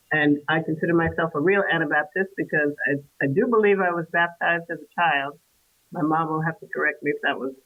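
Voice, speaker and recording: A woman from Trinidad, a guest on an interview podcast, talking through her answers thoughtfully with many fillers and restarts. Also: low-pitched. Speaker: guest, independent scholar. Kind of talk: casual interview conversation. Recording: tinny phone-like remote call line.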